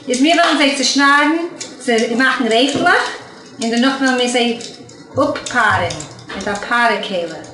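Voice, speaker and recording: A woman's voice: fairly high pitch, normal speed, bright, forceful tone, reverberant, poor audio. A woman hosting a cooking show, explaining each step to viewers in a casual way, first outdoors on a farm and then in a wooden kitchen. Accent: Yiddish-speaking. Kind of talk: casual guided cooking chat.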